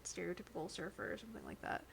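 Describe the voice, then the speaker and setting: A woman's voice: on the low side, huge pitch swings, rapid-fire, gravelly, a little hiss or hum. A woman livestreaming, chatting casually and rambling with viewers into a dynamic microphone, often laughing as she talks. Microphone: dynamic studio microphone.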